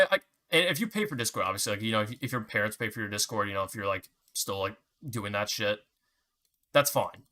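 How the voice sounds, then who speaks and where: A man's voice: on the high side, pushed and bright. A young man ranting casually to camera, swearing often and restarting his sentences. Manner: profane, rambling rant with many restarts. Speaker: vlogger.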